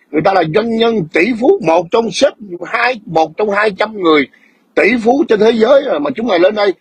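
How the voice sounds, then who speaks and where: A man lectures his livestream viewers in a raspy, strained voice that sits high in his range. He scolds in a combative, repetitive way and keeps demanding whether they understand. The recording is dry and close, with no room sound. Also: no room sound. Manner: frequent throat clearing. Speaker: livestream host. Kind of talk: ranting livestream commentary.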